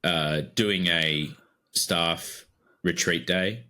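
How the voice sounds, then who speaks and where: An Australian man co-hosting a podcast chats in an easy, casual way, rambling with plenty of fillers. His voice is deep and sharp-toned, and he talks very slowly.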